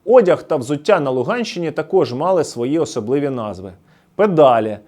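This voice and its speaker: Lively male documentary narrator. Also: a little high, fairly quick, a little hiss or hum. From Luhansk region, Ukraine. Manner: nostalgic storytelling, reading word by word with explanations.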